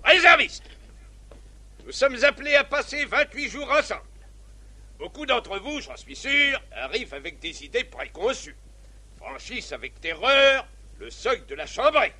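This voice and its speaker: Martinet captain for farce: bright, high, forceful drill-sergeant delivery, sarcastic and pompous. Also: male voice, slightly rough, heavily acted. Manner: drill sergeant bark, clipped commands, mock politeness. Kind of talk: theatrical stage farce acting.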